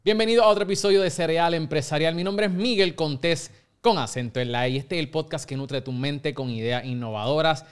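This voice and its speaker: A man hosting a podcast interview, speaking in a friendly, quick casual manner. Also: fairly high pitch, smooth. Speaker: podcast host.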